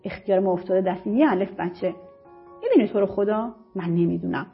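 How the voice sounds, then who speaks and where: A woman narrating an audiobook story in the first person, lively and conversational. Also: medium pitch. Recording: muffled lo-fi recording with faint music. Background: faint music.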